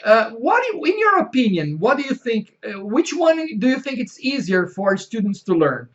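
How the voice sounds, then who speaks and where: A man with a Brazilian Portuguese accent hosting an interview in English, halting with many fillers. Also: extremely high pitch, huge pitch swings. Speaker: host, English teacher. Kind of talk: casual interview. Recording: dull lo-fi sound.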